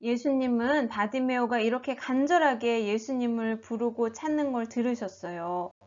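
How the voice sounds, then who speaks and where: A woman tells a Bible story to children in an expressive, animated way and keeps asking her listeners questions. Her voice is high and bright. The recording is dull and lo-fi. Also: moderate pace. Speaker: children's sermon teacher.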